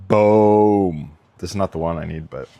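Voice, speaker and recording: A man's voice: deep voice, measured pace, mellow, highs cut off. A man vlogging casually about his life, talking in a rambling, frustrated way. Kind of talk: casual self-filmed vlog.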